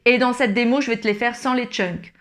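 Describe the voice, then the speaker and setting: A woman's voice: on the high side, brisk. A woman teaching ukulele in an online tutorial, encouraging and talking straight to the learner. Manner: encouraging, speaks directly to the learner. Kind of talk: friendly online music tutorial. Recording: loud ukulele playing under the voice.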